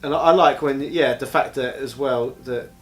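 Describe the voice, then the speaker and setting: A man in his thirties co-hosting a casual gaming chat, playful and jokey, getting excited as he talks. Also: mid-range voice, normal speed, faint music behind. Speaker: co-host of gaming chat show.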